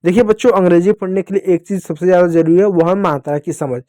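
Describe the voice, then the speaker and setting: A man's voice: high voice, quick pace, dark tone, no echo, studio quality. A man teaching children English phonics, speaking to them directly and answering his own questions as he writes words out. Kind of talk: classroom lesson explaining phonics.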